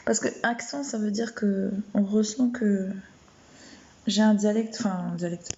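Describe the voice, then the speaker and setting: A woman chatting casually on a late-night live stream from home, with a soft, warm voice and a hesitant way of talking, full of fillers and restarts. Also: medium pitch, unhurried, lo-fi sound. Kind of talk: casual live-stream chat and Bible reading.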